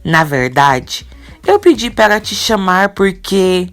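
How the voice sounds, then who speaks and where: A woman reading the lines of a hesitant, earnest young man in love from a soap opera recap, at an unhurried pace. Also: medium pitch, animated, faint music behind.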